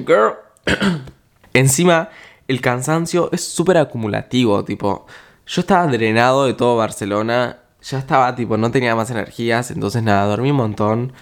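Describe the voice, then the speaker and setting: Telling a travel tale in a loose podcast monologue, this young Argentine host speaks in a mid-range voice at a fairly quick clip. He's chatty, full of slang and profanity, and pads his talk with lots of filler words.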